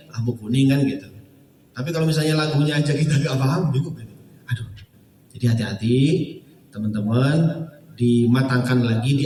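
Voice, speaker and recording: A male Quran recitation teacher gives students casual feedback, chuckling often and leaning on filler phrases. His voice is medium-pitched and darkish, picked up by a distant mic in an echoey hall with slight background noise.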